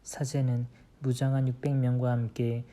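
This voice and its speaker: Man reading scripture in a dark, flat voice. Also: mid-range voice. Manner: steady, measured reading.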